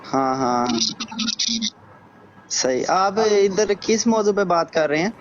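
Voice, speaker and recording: एक आदमी, live call पर सवाल करता कॉलर, जिसकी ऑनलाइन कॉल की आवाज़ बार-बार कटती और टूटती है।. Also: male voice, sits high, lively intonation, slow pace. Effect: choppy call audio that keeps cutting out. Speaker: caller on a live stream. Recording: dull lo-fi online call with faint noise.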